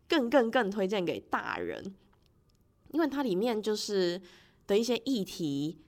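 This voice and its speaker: A woman podcast host talking casually and expressively in a personal monologue, sharing her own reactions. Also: lowish voice. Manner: laughs often while talking.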